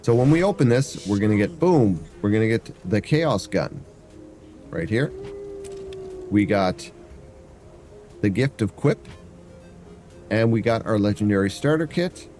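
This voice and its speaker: A variety streamer with a stuffy nose rambles casually on a live stream while playing through a game, thinking aloud and humming to himself. His warm, lowish voice has lively intonation and a slightly slow pace with frequent pauses, over soft background music.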